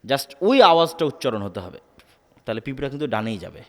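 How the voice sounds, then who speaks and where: A man's voice: mid-range voice, very animated, a little fast, a bit bright. Preacher man with an echoing hall reverb. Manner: asks the crowd rhetorical questions and repeats key words emphatically. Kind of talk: Islamic sermon to a live audience. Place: public sermon gathering.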